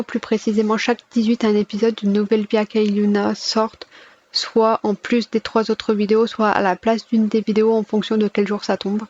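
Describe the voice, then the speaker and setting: A woman's voice: medium pitch, darkish tone, dull audio, a little hiss or hum. A woman gives a casual channel update in a chatty, self-correcting way, recorded at home. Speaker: gaming YouTuber. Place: at home, alone.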